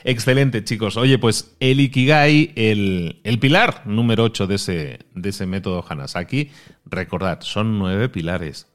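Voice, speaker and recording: Lively man hosting a podcast. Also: fairly low pitch, unhurried. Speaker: podcast host. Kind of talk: casual podcast conversation.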